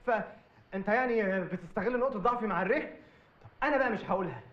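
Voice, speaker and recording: A man's voice: high voice, very fast. A man with an Egyptian accent trading sarcastic wisecracks in film comedy dialogue. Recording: slightly dull film audio.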